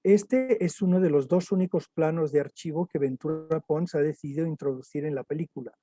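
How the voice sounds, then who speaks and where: A man interviewing a film director, asking hesitant, halting questions. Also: on the high side, mellow, no room sound. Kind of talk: conversational interview.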